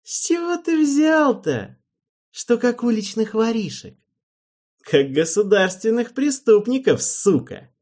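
A man's voice: on the high side, huge pitch swings, takes it slowly, slightly rough, pitched above the performer's own voice, full character voice. A man reading an audiobook, voicing a shocked nobleman who indignantly protests his arrest. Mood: furious. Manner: indignant and incredulous.

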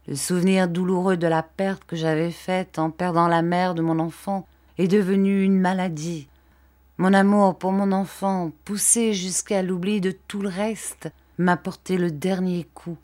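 Lady reading as a wrecked older dad, anguished and pleading, slow and lowish. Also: lightly acted. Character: broken older man, despairing father.

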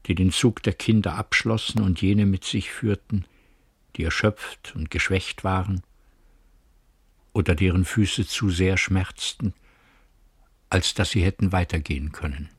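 A man narrating a literary radio drama in a measured, grave storytelling manner. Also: deep voice, slightly rough, dry recording, studio quality.

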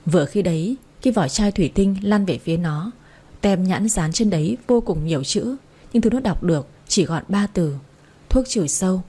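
A woman narrating an audiobook story in a steady, emotive storytelling manner. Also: on the low side, breathy edge.

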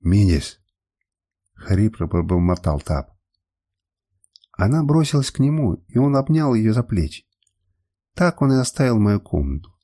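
A man narrating an adventure audiobook in the first person, his voice husky and mellow. He colors the lines with a lively, wide-ranging delivery. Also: medium pitch. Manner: emotional first-person storytelling.

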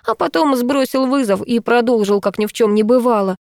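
A woman reading an audiobook puts on a heartbroken young woman with a thin, high whimper that keeps rising into a plaintive squeak. The delivery is close and dry, with no room sound around it. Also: fairly quick, gravelly, a little mellow, no echo. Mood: upset. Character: tearful young woman, ashamed and distraught. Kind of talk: audiobook character voice.

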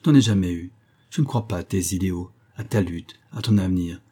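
A worn-out, resigned man speaks in a low, dark, husky voice, with every word flat and defeated, as the audiobook's male narrator reads him. He sounds drained and beyond caring. The reading stays close and plain. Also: a little fast. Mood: weary. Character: weary self-loathing middle-aged man, resigned.

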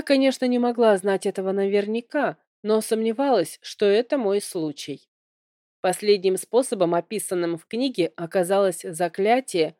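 A woman narrating a first-person novel in an even, measured reading voice. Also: mid-range voice, no room sound, studio quality. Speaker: audiobook narrator.

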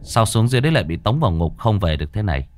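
A man voicing a calm, blunt, mocking male exorcist who gives orders. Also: lowish voice, racing, dry recording, faint music behind. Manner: calm, teasing, commanding.

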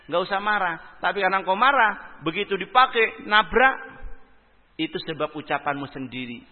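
A man preaches a religious lecture, his fairly high voice swinging from loud emphasis to soft asides and weaving in Arabic phrases. The sound is thin and tinny, like a phone line, and a long hall reverb trails after each phrase. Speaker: Islamic preacher.

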